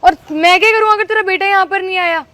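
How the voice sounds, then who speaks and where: A woman's voice: extremely high pitch, quick pace, pushed and bright, dry recording. A woman playing a rude, arrogant young woman who mocks and insults her elders in a short acted skit. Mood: contemptuous. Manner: sneering, mocking. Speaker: rude ex-girlfriend.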